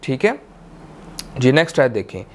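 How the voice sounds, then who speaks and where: A man with a Pakistani Urdu accent teaching tajweed, chanting verses in long drawn-out tones and then explaining each rule briskly, often checking in with "theek hai". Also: mid-range voice, sing-song. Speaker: Quran recitation teacher. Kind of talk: tajweed lesson, slow chanted recitation then quick explanation.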